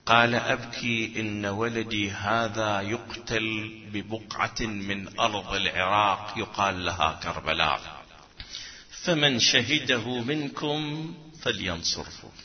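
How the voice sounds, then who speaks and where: A man's voice: on the low side, a little slow. A man preaching a mournful sermon, moving between speech and chanted lament. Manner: shifts from speaking into mournful chanting. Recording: dull sound with long hall reverb.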